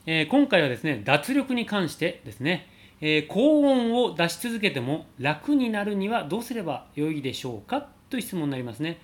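A man teaching singing, calmly answering a viewer's question about high notes and showing sung slides. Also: a little fast. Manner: explains calmly, demonstrates sliding sung vowels.

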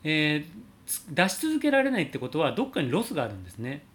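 A man teaching singing, calmly answering a viewer's question about high notes and showing sung slides. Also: fast talker. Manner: explains calmly, demonstrates sliding sung vowels.

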